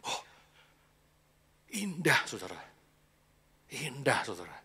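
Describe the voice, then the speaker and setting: A man's voice: mid-range voice, sing-song, takes it slowly, sharp tone, husky. A man preaching a sermon, chatty and confiding, laughing often between points. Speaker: pastor. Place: church hall. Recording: echoey church hall.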